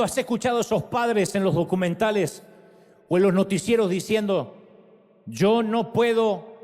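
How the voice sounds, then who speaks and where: A high-pitched man preaching as a pastor, leading prayer with fervent, rising repetitions. His voice rings through a large hall with a long reverb tail. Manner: fervent, repeating words in rising shouts. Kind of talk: sermon altar call and prayer.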